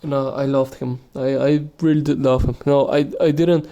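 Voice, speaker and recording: A man's voice: medium pitch, fairly even intonation, normal speed, dark tone, clean tone, lo-fi sound. A man hosting a solo podcast, talking casually and rambling with many restarts and fillers. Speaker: podcast host.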